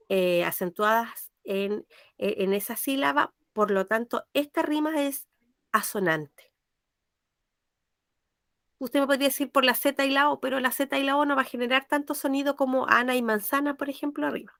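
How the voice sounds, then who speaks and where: A woman's voice: high voice, pushed and bright, no room sound, clean studio sound. A woman teacher, patiently explaining a language lesson and checking that her pupils understand.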